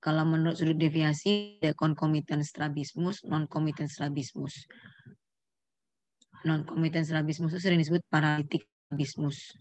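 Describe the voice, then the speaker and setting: A woman's voice: low voice, fairly even intonation, normal speed, a little mellow, dry recording. A middle-aged woman lecturing students on neurology, explaining terms step by step, quizzing the class and correcting herself mid-phrase. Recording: dull lo-fi lecture recording.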